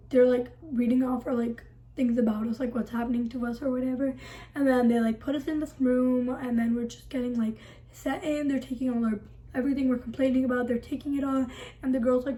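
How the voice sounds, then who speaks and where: A woman's voice: fairly high pitch, warm tone, poor audio. A woman vlogger telling a storytime in a dramatic, breathless way, filling it with "like". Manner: breathless, dramatic retelling packed with "like". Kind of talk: storytime vlog.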